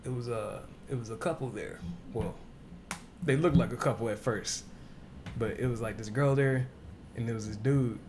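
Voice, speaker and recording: A man tells a story in a relaxed, rambling way as he co-hosts a podcast. His voice sits at an ordinary middle pitch. Faint background noise runs under the talk. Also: normal speed. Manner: laid-back storyteller, says "you know what I'm saying" a lot. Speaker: podcast co-host. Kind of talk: casual chat.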